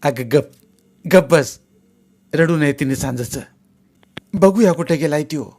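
A brisk older village wife, voiced by a male reader in a spoken story. Her voice is set high above his own, and she hushes and questions in quick, firm phrases. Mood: hushing. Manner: brisk, hushing.

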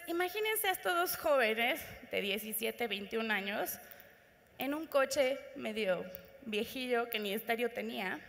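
A woman with a Mexican accent telling an inspirational story to an audience at a conference. She speaks in an animated way and talks straight to the listeners. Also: sits high. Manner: animated, addresses audience directly. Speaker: motivational speaker. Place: conference hall. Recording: reverberant conference hall.

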